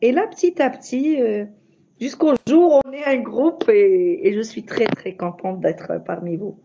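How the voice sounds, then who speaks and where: A woman's voice: fairly high pitch, measured pace, vocal fry, warm tone, lo-fi sound, a little hiss or hum. A non-native French-speaking woman with a foreign accent, talking casually and from the heart, searching for her words. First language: not French. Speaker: member of an online group. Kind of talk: casual heartfelt group talk.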